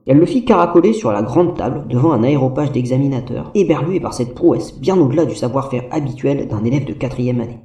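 Un homme qui lit à voix haute une fiche de personnage d'un ton pince-sans-rire. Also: male voice, mid-range voice, warm tone, muffled recording. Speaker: co-narrator. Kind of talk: reading a character sheet. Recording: roomy and distant mic.

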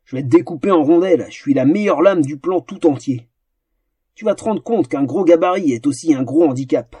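A man voicing a cocky male master swordsman in a storybook reading, boastful and quick to snap. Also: on the high side, expressive, mellow, slightly rough, no room sound. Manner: boastful and snappish.

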